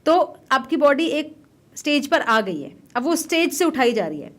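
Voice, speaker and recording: A high voiced woman in her thirties chatting, an officer telling funny stories, laughing a lot. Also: normal speed. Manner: animated, laughs often, mixes in English. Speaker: army officer guest. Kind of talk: casual interview storytelling.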